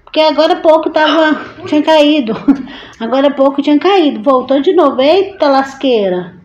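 A woman's voice: high-pitched, lively intonation, normal speed, lo-fi sound. A woman hosting a casual live stream, chatty and affectionate, greeting viewers by name and laughing often. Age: adult mother. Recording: roomy echo.

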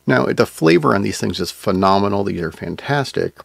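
Gravelly-edged man reviewing products casually. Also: on the low side, lively intonation, moderate pace, no room sound. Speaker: product review channel host. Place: small room at home, indoors. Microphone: desk microphone, close to mouth.

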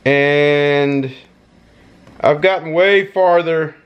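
A middle-aged man giving casual gameplay commentary into a headset mic, breaking into excited shouts and yelps. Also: on the high side, drawn-out words, smooth, highs cut off. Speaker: gaming YouTuber. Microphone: gaming headset.

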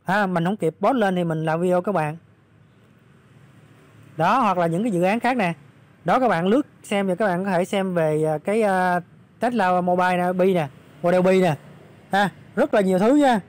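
A slightly hoarse man, talking viewers through updates in a casual, filler-heavy vlog. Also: high voice, normal speed, pauses often. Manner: chatty, many fillers, addresses viewers directly. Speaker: crypto channel host. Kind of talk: casual screen walkthrough vlog.

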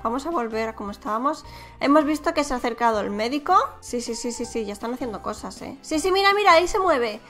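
A high-pitched woman chats playfully through her gameplay, her voice bright and lively. Faint music plays under her talk. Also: fast talker. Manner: chatty, playful, exclamatory. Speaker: gaming YouTuber. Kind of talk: casual gameplay commentary.

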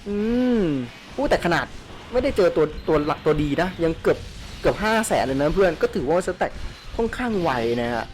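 A man giving casual gameplay commentary as a channel host, excitable and crude, often yelling at the game characters as they fight. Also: a little high, fairly quick, soft background music.

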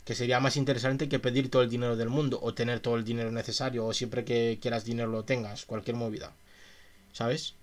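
A man's voice: mid-range voice, level tone, fast talker. A man from in a casual livestream, reading a philosophy text aloud and musing about it with his chat in a chatty, questioning way. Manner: reads passages aloud then muses with chat in a chatty, questioning way.

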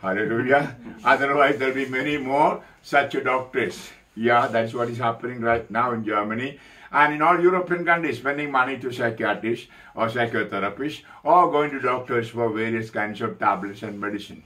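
A man preaching a sermon as a priest, emphatic and animated, with many fillers. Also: mid-range voice, normal speed, distant mic, low-quality recording.

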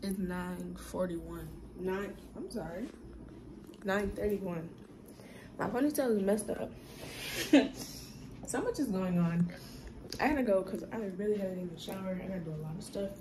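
A woman's voice: medium pitch, moderate pace. A young woman vlogging on her phone camera in a rambling, chatty way, with lots of fillers. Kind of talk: casual vlog chat. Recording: noisy phone recording.

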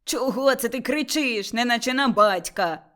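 A woman's voice: a little high, normal speed, fairly bright tone, natural voice. A woman voicing a sarcastic young peasant man in a storybook reading. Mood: mocking. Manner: mocking, sarcastic.

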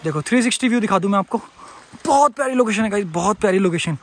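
A young man hosting a travel vlog outdoors, talking excitedly and playfully to viewers. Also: high voice, racing, low-quality recording. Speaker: travel vlogger. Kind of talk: casual outdoor vlog chat. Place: outdoors by a waterfall. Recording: outdoor waterfall noise.

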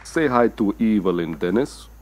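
A man's voice: on the low side, lively intonation, normal speed, natural voice. Man as a flirty, teasing Dracula show host. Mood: showy, teasing. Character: campy male Dracula vampire game show host. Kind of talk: game show presenting in a comedy animation. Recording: noisy, with crowd sounds behind.

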